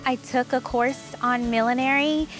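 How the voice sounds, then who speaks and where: A hat maker telling her story in an interview, reflective and warm. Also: high voice, fairly even intonation, measured pace. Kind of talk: interview recollection. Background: background music.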